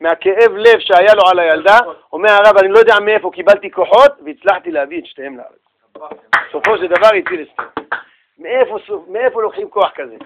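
A man's voice: high voice, lively intonation, gravelly, a little hiss or hum. A man giving a casual religious talk, telling a story in a chatty, slangy way, addressing listeners directly and acting out the voices in it.

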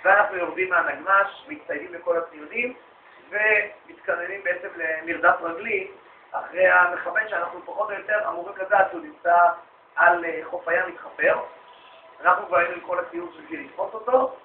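A man giving a storytelling religious lecture to an audience, lively and anecdotal, acting out the dialogue he quotes. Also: sits high, slight background noise. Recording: echoey, phone-like lo-fi recording.

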